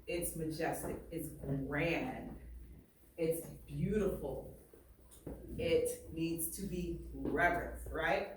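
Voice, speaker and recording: A woman teacher reads aloud to her class in a low, slow voice, stressing words emphatically and often checking in with the pupils through questions. The mic sits at a distance in an echoey classroom, so the sound is roomy with faint noise.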